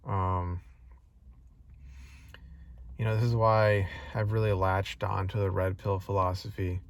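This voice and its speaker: Low, flat-voiced man rambling to camera. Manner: rambling, many fillers and restarts; frustrated, earnest. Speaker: vlogger. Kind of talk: casual personal vlog monologue.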